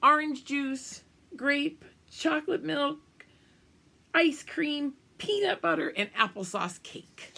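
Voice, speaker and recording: An older woman reads a picture book aloud to young children in a small room at home, her voice high, gravelly, and sharp-toned, with lively intonation. She goes slowly, exaggerating her emphasis and adding friendly asides to her little listeners.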